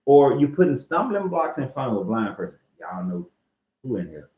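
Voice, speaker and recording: A man's voice: mid-range voice, very animated, moderate pace. A man hosting a casual commentary on scripture, loose and joking, with slang and cursing. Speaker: host. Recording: echoey, dull lo-fi room sound.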